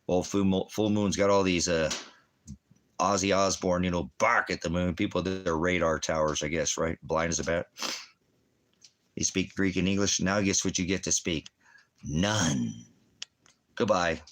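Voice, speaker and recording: A man with a low, slightly bright voice hosts a rambling livestream Bible teaching from his home beside a fireplace. A ministry teacher, he speaks at a measured pace with fairly even intonation and long pauses, talking bluntly and challengingly to commenters and often answering his own questions.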